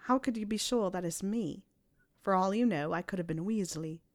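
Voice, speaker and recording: A woman's voice: mid-range voice, moderate pace, darkish tone, close to an everyday voice. A woman reading aloud, voicing a smug, persuasive teenage wizard boy who teases and coaxes. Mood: smug coaxing. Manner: teasing, self-satisfied, coaxing.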